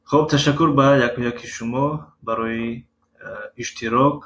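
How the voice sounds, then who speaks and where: A man with a Tajik accent teaching a Russian lesson, reading example words slowly and pausing often with filler sounds. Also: mid-range voice, steady tone, a bit bright. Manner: slow, syllable-by-syllable read-aloud of example words; halting, with frequent filler sounds. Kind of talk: recorded language lesson. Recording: roomy echo with faint ambient noise.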